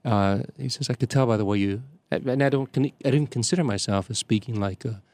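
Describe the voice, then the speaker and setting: An older priest from the Chicago area tells stories in casual conversation, often pausing with fillers and starting over. His voice is medium in pitch with a darkish tone, and there's no echo.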